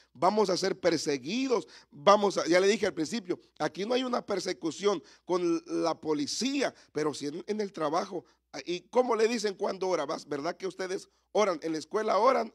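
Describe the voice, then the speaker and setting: A man's voice: sits high, expressive, moderate pace. A man in his thirties, a pastor preaching a sermon at a church service and calling out to the congregation with repeated rhetorical questions.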